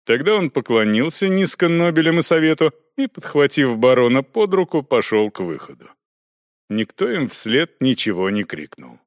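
A man narrating an audiobook in a measured, expressive storytelling manner. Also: mid-range voice, dry recording, studio quality. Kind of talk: scripted narration.

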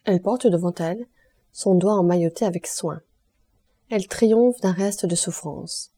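A woman narrating a literary audiobook in a measured storytelling manner. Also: fairly low pitch, warm tone, breathy edge. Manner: measured storytelling, lifts voice for quoted lines. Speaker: audiobook reader.

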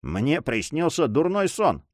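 A man's voice: fairly high pitch, wildly swooping pitch, measured pace, dry recording, studio quality, pitched above the performer's own voice. A man voicing a commanding, troubled young nobleman who speaks in an earnest way.

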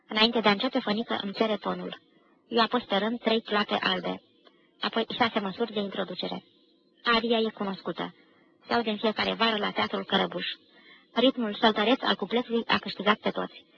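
A woman giving a measured literary reading of a novel, briefly acting out the characters' lines, on a 1990 radio archive recording. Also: mid-range voice, gravelly. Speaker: reader of a novel. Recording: dull 1990 radio archive, faint hiss.

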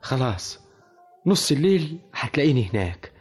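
An actor playing a broke, lovesick young man who gets eagerly excited about striking it rich, in an old radio play. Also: medium pitch, faint music behind, lightly acted. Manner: eager, rushed.

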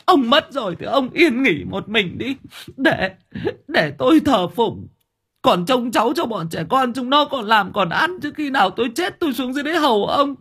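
A shrill wailing old widow. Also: male voice, expressive, racing, hardly any pauses, dark tone, husky, heavily acted. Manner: shrill sobbing lament, stammering repeats. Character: old village widow wailing over her husband's coffin.

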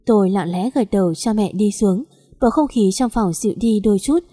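A woman narrating a dramatic first-person audio story in a steady, somber way. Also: mid-range voice, brisk, big-room sound.

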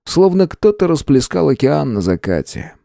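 Expressive male audiobook narrator. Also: fairly high pitch, normal speed, vocal fry, no echo, studio quality. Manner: expressive, dramatic. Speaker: audiobook reader. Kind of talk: first-person audiobook narration.

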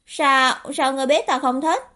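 A woman voicing a playful, mischievous young man in an audiobook, with bright teasing exclamations. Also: high-pitched, expressive, normal speed, pitched above the performer's own voice. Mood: cheeky excited. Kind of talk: audiobook character voice.

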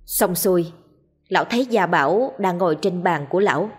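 A woman narrates a ghost story with steady drama. Her voice sits low and sounds breathy, with soft music underneath. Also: moderate pace.

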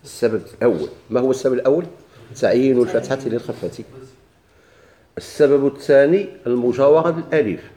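Speaking quickly, a male teacher with a Moroccan accent runs through a grammar lesson in a dark, mellow, mid-range voice. He raises a question, supplies the answer, and repeats it for emphasis.

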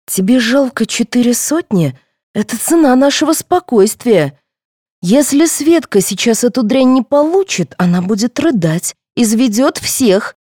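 A woman reading the part of an impatient, sharp-tongued mother who snaps and brushes things off. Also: a little high, lively intonation, unhurried, no room sound, studio quality, voice pushed up. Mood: coaxing. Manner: dismissive, snapping.

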